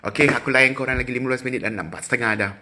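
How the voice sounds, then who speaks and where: A middle-aged man with a Malaysian accent, chatting casually with viewers on a phone livestream, teasing and quick with asides. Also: mid-range voice, pushed and bright. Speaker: livestream host. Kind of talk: casual live chat with viewers.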